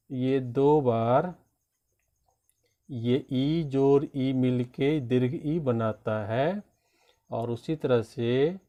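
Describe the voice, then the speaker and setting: A man teaches a grammar lesson to children at a very slow, patient pace, sounding out each letter one by one. His voice is mellow and relaxed. The recording is dull and lo-fi. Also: medium pitch. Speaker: Hindi teacher. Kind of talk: classroom lesson explaining grammar.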